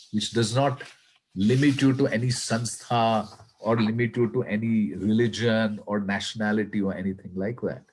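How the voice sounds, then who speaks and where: A man with an Indian accent giving an earnest, inspirational talk in a web broadcast, speaking slowly and with emphasis. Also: fairly low pitch, slight background noise. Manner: earnest, slow and emphatic, mixing English with Hindi.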